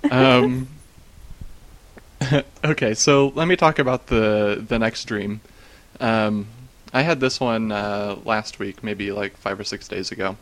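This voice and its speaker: A man's voice: on the low side, slow, a bit bright, no room sound. Giggly man telling his odd dreams. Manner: laughs often while telling, many fillers. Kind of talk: casual chat, recounting dreams.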